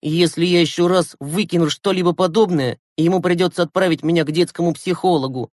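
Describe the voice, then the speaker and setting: A man reading an audiobook, voicing a gloomy, cynical teenage boy who speaks in a sharp, bitter way. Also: on the high side, brisk, no room sound, clean studio sound, voice pushed up, natural voice.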